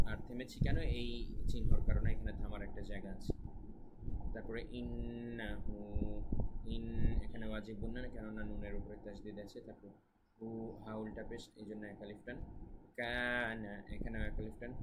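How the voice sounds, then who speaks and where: A man teaching Quran recitation, chanting verses slowly and explaining pronunciation rules in a soft, conversational voice. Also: fairly low pitch. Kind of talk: tajweed lesson with Bengali explanation. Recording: loud background noise.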